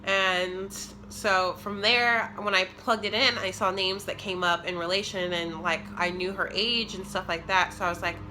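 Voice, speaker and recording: Against a noisy background, a woman in her twenties speaks in a medium-pitched, steady voice at normal speed with hardly any pauses. The vlogger, seated on her living room floor and nasal and congested from a cold, tells a personal story casually and ramblingly with many fillers.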